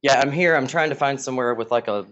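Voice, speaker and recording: A man's voice comes through a glitchy, breaking-up internet call. The audio is muffled and lo-fi, and it keeps cutting in and out. He sounds casual, hurried and apologetic. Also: mid-range voice, a bit bright. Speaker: webinar producer.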